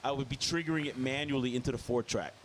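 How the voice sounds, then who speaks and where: A man in his fifties, hosting a casual roundtable as a DJ and producer, telling stories in animated quick bursts. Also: mid-range voice, a little hiss or hum. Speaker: host, DJ and producer.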